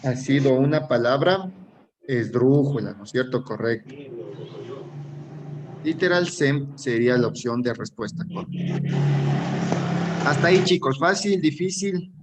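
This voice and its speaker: An Ecuadorian man teaching an exam-prep class at an ordinary pitch for a man. He explains step by step and often stops to ask his students rhetorical check questions. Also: animated, measured pace, long pauses, noisy background. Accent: Ecuadorian Spanish.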